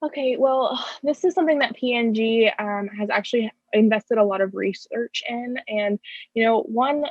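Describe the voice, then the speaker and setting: A woman interpreting live for a deaf panelist on a video call, speaking his signed words aloud in first person with halting self-corrections. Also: a little high, no room sound, muffled recording. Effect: interpreter's voice-over of a deaf speaker's signing. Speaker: sign language interpreter voicing a deaf panelist.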